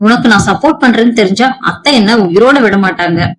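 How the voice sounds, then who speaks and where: A woman's voice: on the high side, expressive, fast talker, lightly acted, poor audio. A woman voicing a meek, overworked young daughter-in-law who speaks in a pleading, sorrowful way.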